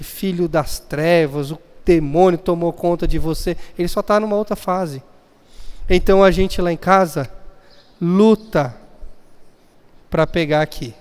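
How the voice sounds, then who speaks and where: Male pastor, high and clear voice, storytelling sermon, long church reverb. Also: a little mellow. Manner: storytelling, acting out family scenes. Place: church hall.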